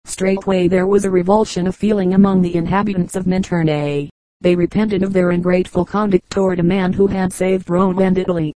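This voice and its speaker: A woman reading a history book aloud as scripted narration, at a measured, even pace. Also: fairly low pitch, dry recording, low-quality recording. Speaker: audiobook reader.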